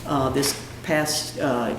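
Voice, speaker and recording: A man with a hoarse, froggy voice from a cold, giving an informal presentation at a meeting. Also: medium pitch, steady tone, takes it slowly. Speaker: presenter of a budget request at a town meeting. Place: meeting room, indoors. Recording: echoey room, clear background noise.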